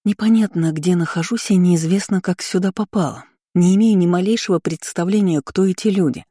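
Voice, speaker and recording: A woman with a lowish, mellow voice reads a first-person novel aloud at an even storytelling pace. The recording is close and dry, with no room sound around her. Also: a little fast, dry recording. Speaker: audiobook reader. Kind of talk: first-person audiobook narration.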